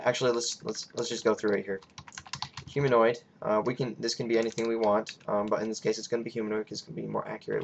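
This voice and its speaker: A young man with a raspy voice hosting a casual coding tutorial, rambling and hesitant with many fillers. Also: medium pitch, dull audio. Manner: rambling, hesitant, lots of ums. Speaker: scripting tutorial host.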